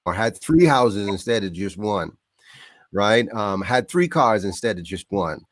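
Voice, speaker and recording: Casting: middle-aged man from the Bahamas, lowish voice, dry close sound, lively storyteller. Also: unhurried, no echo. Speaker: podcast guest. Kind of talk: casual interview storytelling. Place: home in New York.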